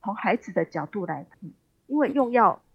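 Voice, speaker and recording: Taiwanese-accented woman, husky, slightly muffled sound. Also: mid-range voice, lively intonation, normal speed. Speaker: expert guest, special education professor. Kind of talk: radio interview, explaining conversationally.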